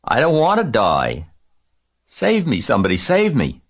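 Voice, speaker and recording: Man putting on a high, wailing young pig. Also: huge pitch swings, extremely slow, bright, forceful tone, breathy edge, full character voice. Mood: panicked. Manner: wailing, pleading, childish. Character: frightened, hysterical young male pig.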